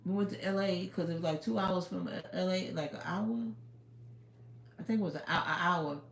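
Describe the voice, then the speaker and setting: A woman's voice: on the low side, moderate pace, vocal fry, roomy sound, slight background noise. A woman in her fifties chatting casually on a livestream, rambling and giving life advice, talking into her phone. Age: 50s. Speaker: livestream host.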